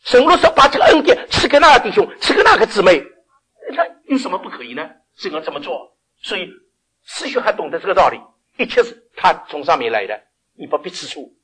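An older man preaching a sermon, often asking the congregation questions and laughing as he swings between loud and quiet. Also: high-pitched, sing-song, fast, breathy edge.

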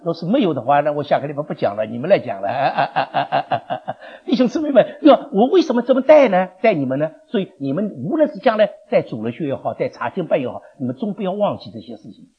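A man teaching a Bible class, animated, questioning his listeners and chuckling often. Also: fairly high pitch, fast, hardly any pauses, breathy edge. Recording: dull lo-fi recording.

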